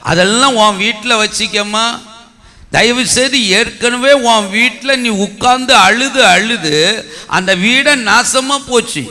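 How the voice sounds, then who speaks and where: A male pastor with a Tamil accent preaching a sermon, scolding and exhorting the congregation with sudden shouted bursts. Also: very high-pitched, unhurried.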